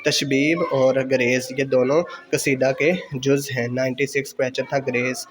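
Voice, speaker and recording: A man teaches exam preparation, reading out quiz questions and repeating each answer several times so students can note it down, mixing English exam terms into his speech. His voice is medium-pitched and level, with slight background noise.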